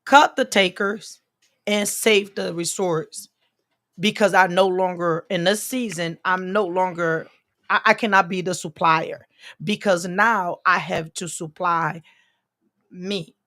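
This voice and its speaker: A woman's voice: fairly low pitch, steady tone, takes it slowly, a bit bright. A woman from Brazil with a Brazilian accent, talking earnestly on a podcast as a guest, often repeating and restarting her words. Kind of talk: casual podcast chat.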